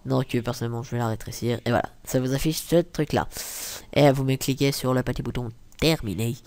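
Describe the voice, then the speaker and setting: A young man talking through a casual software tutorial, rambling with many fillers and self-corrections, muttering asides and apologizing for swearing. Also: medium pitch, brisk, clean tone. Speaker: tutorial maker. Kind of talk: casual screen-recording tutorial.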